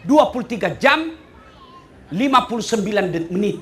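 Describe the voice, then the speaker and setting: A male preacher, giving a humorous sermon to a live audience, with loud bursts of emphasis and snatches of sung song. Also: high-pitched, very animated, moderate pace.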